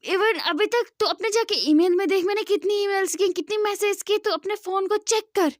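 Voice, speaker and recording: A woman voicing an angry young man who scolds and yells at an old friend, in a storybook retelling. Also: very high-pitched, normal speed, dry recording, studio quality, pitched above the performer's own voice. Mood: shouting. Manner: scolding, yelling.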